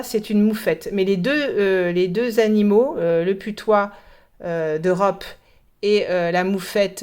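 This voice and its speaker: Woman from France, French teacher, casual explanation, slow unhurried delivery, hesitant with frequent pauses, mid-pitched voice. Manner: hesitant, many pauses and fillers.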